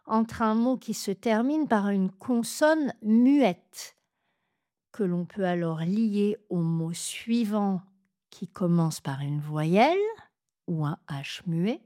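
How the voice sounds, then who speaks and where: A woman gives a pronunciation lesson at an unhurried, measured pace. Her voice sits mid-range and she spells out each example clearly. The sound is dry and close, with no room around it. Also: mid-range voice, expressive, dark tone, no echo. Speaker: French pronunciation teacher. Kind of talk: slow, carefully articulated lesson.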